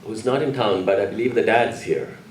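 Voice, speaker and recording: A man with a lowish voice speaks at a moderate pace, presenting at an awards ceremony and reading out recipients' names to an audience in a hall. The recording picks him up from a distant mic in an echoey hall, with crowd noise around him.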